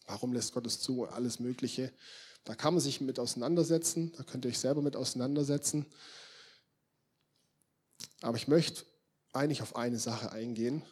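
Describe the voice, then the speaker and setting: A young man preaching a sermon in a casual, direct way, talking straight to the congregation and swinging between loud emphatic bursts and quiet, intense murmurs. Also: medium pitch, normal speed, pauses often, husky.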